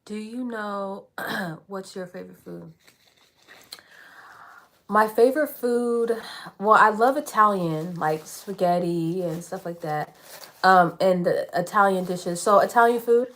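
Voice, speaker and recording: A woman in her thirties hosting a casual live stream, greeting viewers, reading out their comments and clearing her throat often. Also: medium pitch, slow pace, fairly bright tone. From California. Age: 30s.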